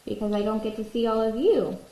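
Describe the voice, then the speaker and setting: A woman's voice: on the high side, a little fast, warm tone. A woman teacher reading a picture book aloud as if to a toddler, in simple words with questions to the little listeners. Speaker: kindergarten teacher. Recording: echoey room, faint background noise.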